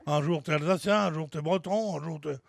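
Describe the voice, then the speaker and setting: A man's voice: on the high side, brisk, creaky, no echo. An older man, a regular panelist on a radio show, rambling through nostalgic asides.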